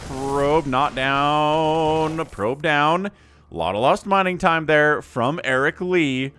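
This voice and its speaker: Fairly high-pitched and slow, this man casts a strategy video game replay with loose, joking play-by-play and chat in the lulls. He's animated, laughs often and fills gaps with hums. There's slight background noise.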